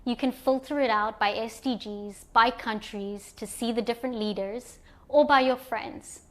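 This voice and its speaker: A woman from Zimbabwe guiding viewers through an online platform in a calm, step-by-step screen walkthrough. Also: a little high, moderate pace. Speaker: platform presenter.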